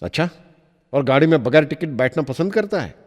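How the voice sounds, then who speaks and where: A man voicing a gruff, bullying male railway ticket inspector who barks orders, in a recording with a long reverb. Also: fairly high pitch, lively intonation, a little fast, close to an everyday voice. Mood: bossy. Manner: barking orders.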